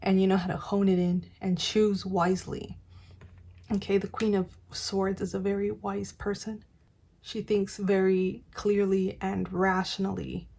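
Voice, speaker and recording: A woman's voice: medium pitch, flat delivery, unhurried, vocal fry, dark tone. A woman giving a casual, encouraging tarot reading to camera, chatty with many fillers. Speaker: tarot reader.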